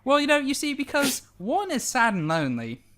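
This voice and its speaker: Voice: high-pitched, huge pitch swings, a little fast, a bit bright, voice pushed up, exaggerated voice. A player voicing Edward, a huge, friendly eight-foot male adventurer who talks in a chatty, rambling way.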